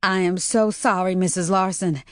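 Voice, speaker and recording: A woman's voice: on the low side, steady tone, normal speed, dry recording, studio quality, natural voice. A woman narrator voicing a shaken young woman care worker who whimpers and stammers. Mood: distraught.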